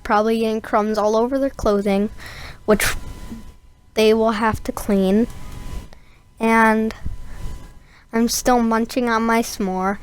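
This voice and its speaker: A woman's voice: on the high side, clear, resonant tone. A young woman giving a casual, rambling voice-over of her gameplay, full of fillers and asides. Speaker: gameplay narrator.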